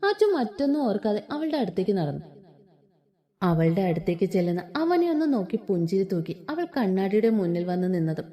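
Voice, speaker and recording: Woman reading a love story aloud, lively lilt, mellow warm voice. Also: medium pitch, a little fast. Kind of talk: storybook narration.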